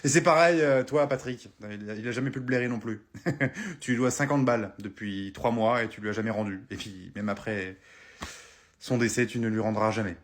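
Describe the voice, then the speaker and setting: A man's voice: mid-range voice, moderate pace, voice pushed down, natural voice. A man voicing a son giving a mock-solemn, insulting eulogy in a comedy sketch, hesitant with many fillers. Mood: deadpan. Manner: hesitant, deadpan, full of "euh".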